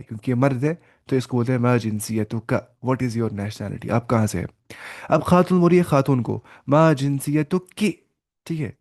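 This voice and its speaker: An Arabic teacher leads an online language class over video call, explaining patiently, repeating points and slowly sounding out every example phrase. His medium-pitched voice has a darkish tone, captured in clean studio quality without echo.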